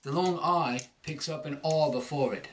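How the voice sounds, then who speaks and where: A man's voice: on the high side, normal speed, a little hiss or hum. Man coaching a lesson. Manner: conversational, explanatory. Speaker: accent coach. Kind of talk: instructional lesson with pronunciation demonstrations.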